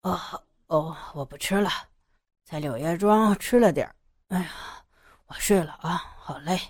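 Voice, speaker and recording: A woman's voice: mid-range voice, animated, normal speed, a little mellow, lightly acted. A woman voicing a worried, protective young village man who questions urgently and earnestly. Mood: sleepy.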